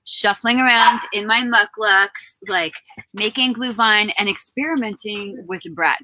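A woman co-hosting a casual book chat from an outdoor tent, telling lively, laughing family stories into a laptop mic. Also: medium pitch, a little slow, a little hiss or hum, poor audio. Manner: bubbly, laughing, storytelling. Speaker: author co-hosting a book event.

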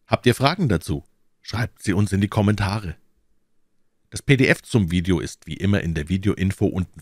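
A man explaining German grammar to learners, talking slowly and carefully and walking through examples. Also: sits low, darkish tone, no echo, studio quality. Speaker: German teacher.

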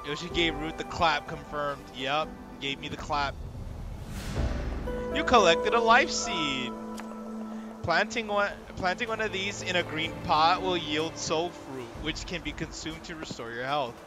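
A man streaming a video game live, reacting excitedly, chatting with viewers and swearing casually. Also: fairly high pitch, a little slow. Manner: excitable, chatty, talks to chat. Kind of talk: live gameplay commentary. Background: game music.

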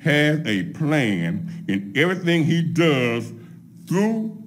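A middle-aged man preaching a sermon from a pulpit, laying out his points one by one in a measured way. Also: fairly high pitch, big pitch swings, slight background noise. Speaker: pastor. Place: church sanctuary at a pulpit, empty pews behind. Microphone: microphone on a pulpit stand.

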